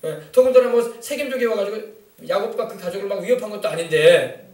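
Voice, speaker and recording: A man's voice: high voice, fairly quick, darkish tone. A man preaching a sermon as pastor, emphatic and colloquial, tossing rhetorical questions to the congregation. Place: church sanctuary. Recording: echoey church from far off.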